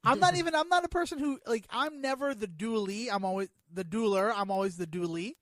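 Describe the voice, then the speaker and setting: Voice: mid-range voice, brisk, dry recording. A podcast co-host chatting about a board game, enthusiastic and rambling while searching for the right words. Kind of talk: board game review chat.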